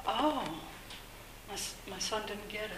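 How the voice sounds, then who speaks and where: An older woman giving an earnest, informal talk to an audience at a workshop, speaking in a measured, faith-minded way. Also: medium pitch, fairly even intonation, bright, forceful tone, slight background noise. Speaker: speaker at a workshop on mental illness. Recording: echoey room.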